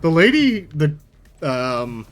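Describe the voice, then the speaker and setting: A man's voice: a little high, big pitch swings, slow pace. A man telling a casual story, rambling, packing his speech with "like" and swearing freely. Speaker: VTuber telling a work story.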